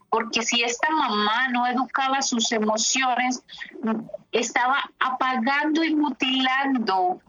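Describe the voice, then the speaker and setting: A woman therapist recounts cases from her practice in a bright, fairly high voice. She talks reflectively, with pauses and fillers. The recording sounds dull and lo-fi. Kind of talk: telling case stories in an interview.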